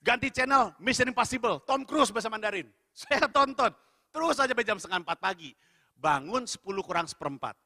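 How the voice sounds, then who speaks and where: Bright-voiced man doing stand-up in a hall. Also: high voice, brisk, studio quality. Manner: animated, acts out dialogue with mimicked voices; addresses the audience directly. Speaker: stand-up comedian. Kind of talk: stand-up comedy storytelling. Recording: echoey hall.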